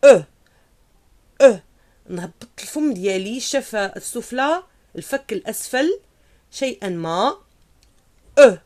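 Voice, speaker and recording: A woman with a Moroccan accent teaching French pronunciation in a video lesson, drilling each sound slowly and asking viewers to repeat after her. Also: fairly high pitch, lively intonation, darkish tone. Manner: slow, deliberate, drills words and has viewers repeat; switches between French and Moroccan Arabic to explain.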